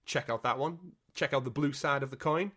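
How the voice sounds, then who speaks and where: A man hosting a gaming podcast with energetic, jokey patter, a bit congested from a cold. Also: medium pitch, brisk. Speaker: podcast host. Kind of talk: upbeat podcast presenting.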